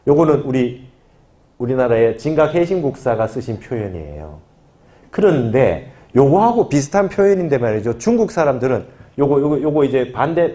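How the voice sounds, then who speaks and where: A man's voice: mid-range voice, mellow. A male Buddhist monk teaching a scripture class, explaining patiently and often asking his students for agreement. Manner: explanatory, repeats key phrases and asks the class for agreement.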